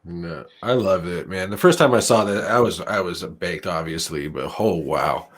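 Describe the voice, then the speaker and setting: A man's voice: sits low, moderate pace. A man co-hosting a film podcast in casual chat, laid-back, often chiming in with short agreement.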